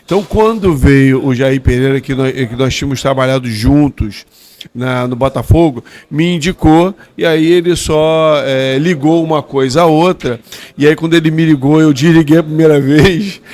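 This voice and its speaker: A man, a former footballer talking as a guest in a restaurant, heartfelt with halting restarts. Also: a little high, darkish tone. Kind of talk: emotional storytelling interview.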